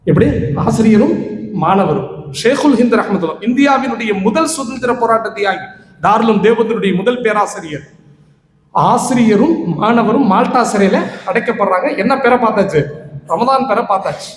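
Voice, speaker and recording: A man from Tamil Nadu preaching as an imam, telling stories with passion. His voice moves between ringing exclamations and low, hushed retellings. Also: lively intonation, moderate pace. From Tamil Nadu, India. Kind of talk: Islamic sermon with storytelling. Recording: echoey hall with long reverb, faint noise.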